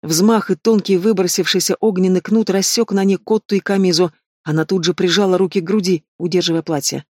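A man reads a fantasy audiobook in a measured storytelling manner. His voice sits high for a man, and the sound is close and dry. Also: fairly even intonation, darkish tone, no echo. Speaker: audiobook narrator. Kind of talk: scripted fantasy narration.

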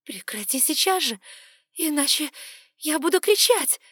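A defiant young woman heroine cries out in high, shrill, loud bursts, as the narrator puts her on. Tears hang at the edge of the voice, recorded dry and close for an audiobook. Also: expressive, measured pace, no room sound. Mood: frightened. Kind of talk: audiobook character voice.

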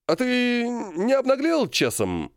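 A man's voice: very high-pitched, huge pitch swings, slow, dry recording, studio quality, pitched above the performer's own voice, exaggerated voice. A man voicing a jovial, scheming middle-aged colonel who banters and stretches words for emphasis. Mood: bantering.

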